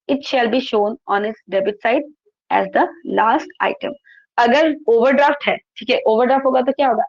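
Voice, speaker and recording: This is a slightly high female voice in an online accountancy lesson, where she reads textbook passages, explains them one by one, and raises questions only to answer them. She's recorded dry through a laptop microphone, and the high frequencies are cut off.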